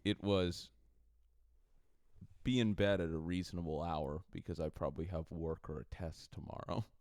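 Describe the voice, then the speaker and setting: A man in his late twenties co-hosting a podcast, chatting casually and telling stories in a joking, animated way. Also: low-pitched, normal speed, no echo, clean studio sound. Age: late 20s. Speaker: podcast co-host. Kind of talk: casual chat.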